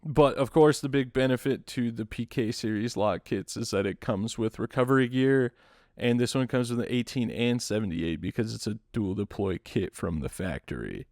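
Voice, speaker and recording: A man hosting a podcast, explaining things in a relaxed, rambling way with dry, self-mocking humor. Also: mid-range voice, moderate pace, no echo. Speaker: podcast host. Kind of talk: casual podcast chat.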